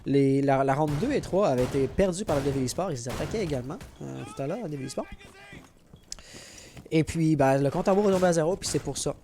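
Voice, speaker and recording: A young man casting an esports match with play-by-play commentary, excitable and rising sharply at big plays. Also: fairly high pitch, quick pace, soft background music. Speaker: esports caster.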